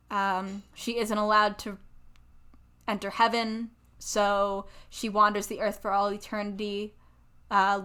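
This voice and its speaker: A young woman co-hosting a casual podcast chat, talking in a chatty way with lots of "like" and animated asides. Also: mid-range voice. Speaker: podcast co-host.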